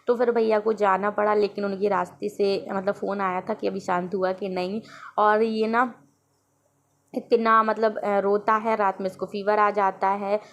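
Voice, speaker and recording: A woman's voice: medium pitch, flat delivery, measured pace. A woman and mother narrating her family's day in a casual, chatty vlog voice-over. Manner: chatty, storytelling about family life.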